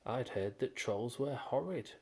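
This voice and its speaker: A man's voice: medium pitch, lively intonation, a little slow, warm tone, breathy edge. A man doing an anxious, polite little boy. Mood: surprised. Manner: stammering, eager questions.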